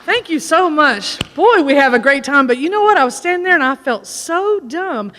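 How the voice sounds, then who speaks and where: With a high voice at a moderate pace, a chorus singer entertains her church audience with a folksy, humorous tale, telling the jokes with animation. The recording picks up the echo of the church sanctuary plus a little hiss or hum.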